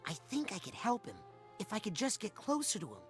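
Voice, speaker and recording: A woman's voice: medium pitch, wildly swooping pitch, brisk, music in the background. A woman voicing an earnest, hesitant young boy psychic agent in a video game. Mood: urgent.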